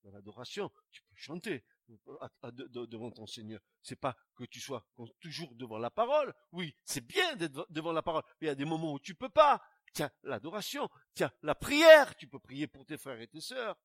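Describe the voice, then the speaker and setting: Animated preacher man. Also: fairly high pitch, a little fast, no echo, clean studio sound. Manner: animated preaching with repeated stammered restarts and sudden loud outbursts. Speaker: pastor. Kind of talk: sermon.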